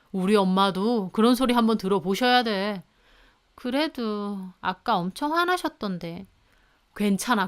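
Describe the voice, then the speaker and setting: A woman's voice: medium pitch, clear, resonant tone, close to an everyday voice. A woman voicing an easygoing young husband who reassures his wife, in a storybook narration. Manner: breezy, reassuring.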